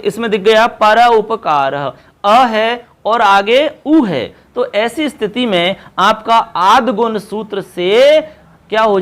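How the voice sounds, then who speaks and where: Guy teaching grammar lesson, fairly high voice, goes over each rule step by step. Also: fairly bright tone. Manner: explains step by step, repeats key terms, addresses students as children. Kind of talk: exam-prep lesson.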